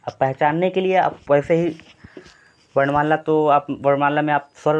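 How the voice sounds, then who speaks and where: A man's voice: fairly high pitch, steady tone, moderate pace, clean tone. A man teaching an exam-prep Hindi grammar lesson. He explains step by step, repeats points and often checks in with "thik hai". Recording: slightly dull lo-fi sound.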